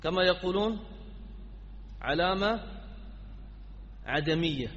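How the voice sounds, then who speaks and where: A man's voice: sits high, animated, slow, fairly bright tone. A man teaching an Arabic grammar class, quizzing his students and prompting them with repeated questions. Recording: dull lo-fi sound in a reverberant hall.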